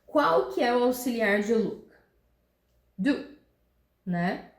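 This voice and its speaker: A slightly high, animated female voice teaches English grammar using Portuguese, pausing to check understanding with "tá?" and "né?". Her explanations are patient, the English examples come out slow and clear, and there's a roomy echo around her.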